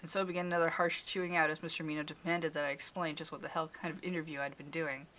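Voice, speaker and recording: Woman streamer, game narration, blunt asides, low pitch, bright tone. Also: quick pace. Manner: expressive reading, blunt asides. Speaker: streamer reading a visual novel aloud. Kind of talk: game narration and casual commentary.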